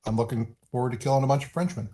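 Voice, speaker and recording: A man playing a tabletop wargame, chatting casually with a wry, halting delivery. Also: medium pitch, warm tone. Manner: halting, many fillers, wry. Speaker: player. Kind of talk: casual chat.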